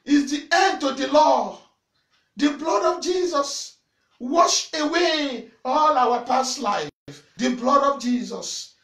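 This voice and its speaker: A middle-aged man preaching to camera, repeating phrases and breaking into loud shouts. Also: extremely high pitch. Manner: forceful preaching with repetition and sudden loud shouts; waves arms and gestures while preaching. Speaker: pastor. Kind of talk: sermon to camera. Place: small indoor church room in front of a banner. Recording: echoey room.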